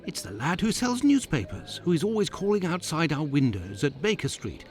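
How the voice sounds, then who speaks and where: A man's voice: a little high, very animated, normal speed, darkish tone. A man playing an earnest, proper Victorian doctor with a British accent in a video game. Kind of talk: video game character acting.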